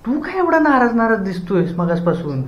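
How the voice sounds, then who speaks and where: A man's voice: very high-pitched, very animated, brisk, roomy sound, highs cut off, noisy background. A man playing a teasing young friend with a raised voice. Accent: Marathi.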